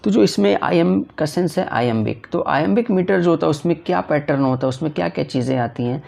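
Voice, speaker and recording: A man teaching an exam-prep lesson. He reads the English lines slowly, then explains them, often asking a question and answering it himself. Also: fairly high pitch, expressive, vocal fry, a little mellow. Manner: repetitive, asks and answers his own questions.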